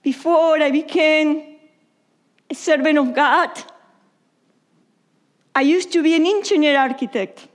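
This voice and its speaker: Her voice sits high as she gives a sermon at a church service. The woman is an Argentine pastor with an Argentine accent whose first language is Italian, and her English halts, repeats itself, and now and then drops to a whisper.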